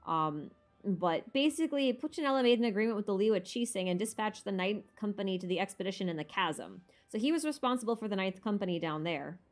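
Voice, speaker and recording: Her medium-pitched voice is expressive and quick as she hosts a livestream with music in the background. She rambles informally about game lore, working through her thoughts out loud.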